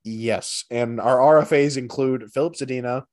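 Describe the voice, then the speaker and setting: A man co-hosting a casual hockey podcast, his voice sitting in an ordinary middle pitch. He jumps between excitement and teasing, speeding up when a thought grabs him. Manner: animated, teasing, quick bursts of excitement. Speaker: podcast co-host. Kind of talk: casual sports chat.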